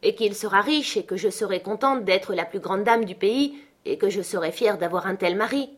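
A woman's voice: medium pitch, expressive, normal speed, lightly acted. A woman voicing a capricious, petulant young woman in an audiobook, pleading and insistent. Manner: urgent and insistent. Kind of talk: audiobook character reading.

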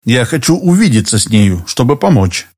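A man reading an audiobook, voicing a calm, persistent lawyer who speaks evenly and deliberately. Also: mid-range voice. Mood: earnest. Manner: even, deliberate and insistent.

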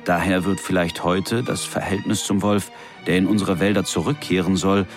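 A man narrating a scripted radio feature in a reflective, deliberate way. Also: sits low, fairly even intonation. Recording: music underneath.

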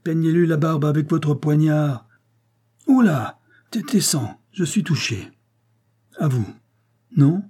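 A man's voice: on the high side, slow, long pauses, dark tone, husky, pitched above the performer's own voice. Man voicing a feverish young swordsman. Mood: excited. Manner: urgent commanding fencing coach, later distraught. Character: young male Venetian swordsman, feverish and intense.

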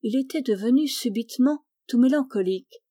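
Une femme lit un roman classique d'une voix posée et mesurée. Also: female voice, sits high, fairly quick, mellow, no echo, studio quality. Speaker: audiobook reader. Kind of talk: literary audiobook narration.

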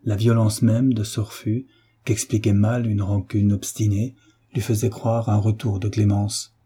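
A man narrating a classic novel in a measured, solemn way. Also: lowish voice, level tone, dark tone, husky. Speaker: audiobook reader. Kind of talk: literary narration.

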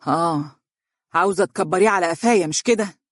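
Audiobook: resentful Egyptian engineer, male reader, quick, dry. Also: high voice, dry recording. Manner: resentful, mocking. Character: jealous, angry male engineer, adult. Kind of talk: audiobook character reading.

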